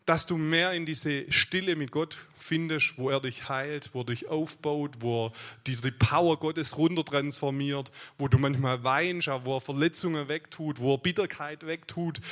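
A man's voice: fairly high pitch, a bit bright. A man preaching a sermon, crying out emphatic declarations, then explaining in a loose, conversational way.

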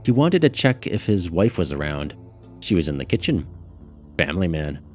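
Male narrator, very low voice, measured audiobook read, faint music under. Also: big pitch swings, a little mellow. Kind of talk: scripted narration.

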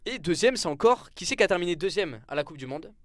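A man's voice: high voice, lively intonation, quick pace, dry recording. A young man presenting a sports segment in casual radio chat, hesitant, full of fillers and restarts, often poking fun at himself. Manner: hesitant, lots of fillers and restarts, self-mocking. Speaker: sports columnist on a club show.

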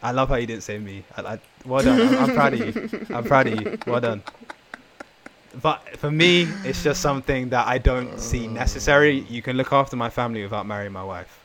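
A man's voice: medium pitch, expressive, a little fast, crowd noise. A man chatting casually on a podcast, emphatic and repeating his phrases. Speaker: podcast panelist.

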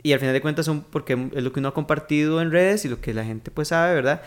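A man with a Costa Rican accent, a podcast guest talking in a relaxed, reflective way with local slang. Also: on the high side, fast talker. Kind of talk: casual chat.

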